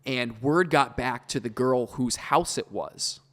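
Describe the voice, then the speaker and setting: A man of middle pitch tells a story in loose, rambling podcast chat, swearing freely and laughing along. His voice carries a long reverb tail, as if recorded in a hard, echoing room. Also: takes it slowly, a bit bright. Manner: rambling, profane, laughs through his stories. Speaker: podcast co-host.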